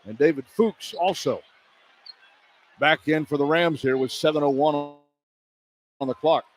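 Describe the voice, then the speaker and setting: Calling a college basketball game live on radio from an indoor arena, a male announcer speaks in short, clipped phrases and gets animated on big plays. His voice is fairly high and his pace measured. Arena ambience and background noise come through the live broadcast.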